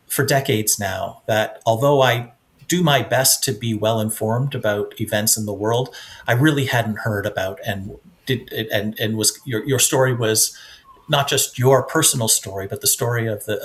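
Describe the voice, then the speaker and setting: A man's voice: fairly low pitch, unhurried. A man hosting an interview podcast, asking long questions with many restarts and fillers. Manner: hesitant, searching for words with many restarts. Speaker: podcast host.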